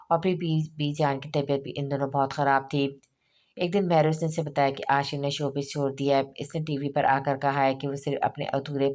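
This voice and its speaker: Brief: woman, audiobook narrator, very deep voice, monotone, reads every character herself. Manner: reads all characters in her own voice with small slips and restarts. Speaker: novel reader. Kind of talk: audiobook narration of a romance novel.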